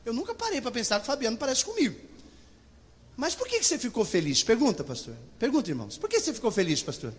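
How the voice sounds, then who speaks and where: A man's voice: extremely high pitch, very animated, fast talker, a little hiss or hum. A middle-aged man, preaching a sermon as pastor and speaking directly to his congregation. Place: church hall. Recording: long church reverb.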